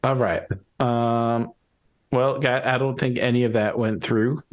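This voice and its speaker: A man's voice: mid-range voice, steady tone, measured pace. A man playing a tabletop game, chatting informally and hesitantly as he thinks aloud. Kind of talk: casual in-game chat.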